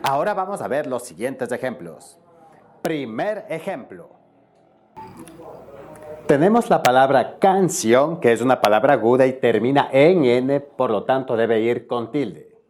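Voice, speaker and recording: A man from Ecuador hosts a spelling video lesson, his voice sitting at an ordinary middle pitch. He walks through each rule example by example. He keeps checking in with his viewers as he goes. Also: expressive, a little slow, darkish tone, a little hiss or hum. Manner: explains step by step, often checks in with viewers. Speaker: spelling tutor.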